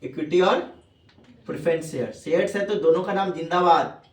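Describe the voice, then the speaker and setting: Recorded far from the mic in an echoey classroom, a man with a voice on the high side lectures on tax at a normal speed. He calls the students "babu" and repeats questions to be sure they follow.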